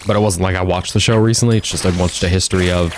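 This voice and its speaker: A man's voice: sits low, fairly even intonation, quick pace, noisy background. A man streaming a video game, chatting casually and joking as he plays. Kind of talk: casual gameplay commentary.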